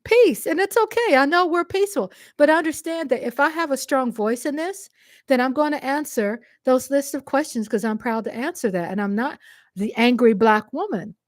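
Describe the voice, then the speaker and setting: A woman from Texas responds to a commenter in an impassioned monologue to her viewers, emphatic and repeating phrases to stress them. Her high voice is expressive at a moderate pace, in clean, dry studio sound.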